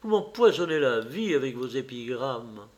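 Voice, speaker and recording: A man's voice: medium pitch, sing-song, normal speed, darkish tone, close to an everyday voice. A man reading an audiobook voices an earnest, impulsive young man who speaks with heightened emotion. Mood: pleading.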